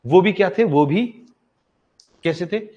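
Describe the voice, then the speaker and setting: A man teaching an exam-prep history lesson, with a voice a little higher than most men's. He talks casually, calling his students "bhai", asks questions and answers them himself, and repeats each key fact. The recording sounds somewhat dull and lo-fi. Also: unhurried, mellow.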